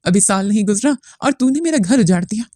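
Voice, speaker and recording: A woman's voice: medium pitch, expressive, brisk, dark tone, no room sound, studio quality, lightly acted. A woman voicing a bitter, accusing older mother-in-law in a spoken story.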